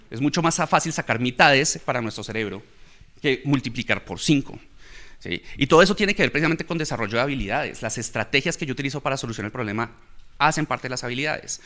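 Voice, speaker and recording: A man talking through ideas on learning and games in a relaxed conversational way, often checking in with his listeners. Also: mid-range voice. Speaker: guest speaker on education. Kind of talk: conversational talk.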